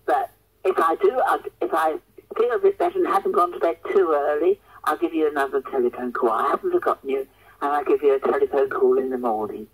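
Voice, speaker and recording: An older woman's voice comes through a landline voicemail playback, husky and a little rough at the edges. She speaks earnestly and circles back over the same names and blessings. The message sounds like it was left from a home phone. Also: deep voice, fast talker, rough recording. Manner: repetitive, earnest, keeps restating names and wishes. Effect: voicemail played back over a landline phone. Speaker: mother leaving a voicemail.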